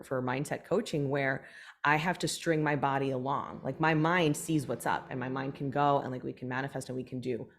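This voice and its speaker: Low-voiced woman, animated podcast host. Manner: animated, many fillers and restarts. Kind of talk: casual conversation.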